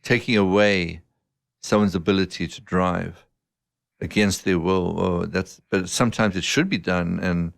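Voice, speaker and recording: Gravelly-voiced man telling a story. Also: sits low, measured pace, no room sound, studio quality. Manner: relaxed anecdotal storyteller, self-mocking, laughs often. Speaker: guest, eye surgeon. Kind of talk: casual podcast interview storytelling.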